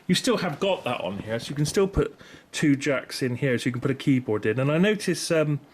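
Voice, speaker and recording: Animated and a little fast, a middle-aged British man with a medium-pitched voice gives a casual gear review as a video host. He rambles without a script, sounds tentative, and keeps correcting himself. Background noise and room ambience are clear.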